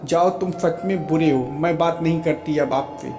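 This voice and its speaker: A man voicing a young wife who is loving, emotional and quick to flare up at her teasing husband, in a storybook reading. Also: a little high, darkish tone, natural voice. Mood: indignant. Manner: emotional, pleading then playfully scolding. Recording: roomy echo with faint music.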